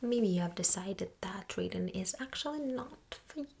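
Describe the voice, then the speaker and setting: A woman playing a sassy female librarian in an ASMR role-play, speaking in a soft, breathy library soft voice with halting pauses. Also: medium pitch, animated. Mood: sassy, indifferent. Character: sassy, dismissive female librarian recommending books to a visitor. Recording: clear background noise with clicks.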